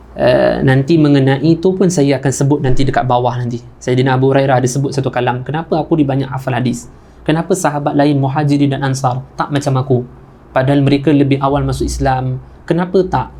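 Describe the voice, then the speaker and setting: Malaysian male preacher, mellow tone, lively storytelling sermon with voiced characters. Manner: animated storyteller, acting out characters with raised pitch. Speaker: ustaz preacher.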